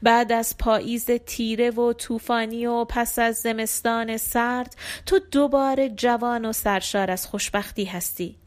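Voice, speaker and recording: A woman's voice: a little high, fairly even intonation, natural voice. A woman reading a wistful stage lady. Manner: wistful, declamatory. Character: nostalgic aristocratic woman on a stage.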